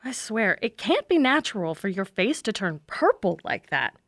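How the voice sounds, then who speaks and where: A woman's voice: medium pitch, very animated, moderate pace, a bit bright, no room sound, clean studio sound. A woman playing a wry, exasperated young woman. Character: exasperated young woman, sharp-tongued big sister. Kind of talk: audio drama acting.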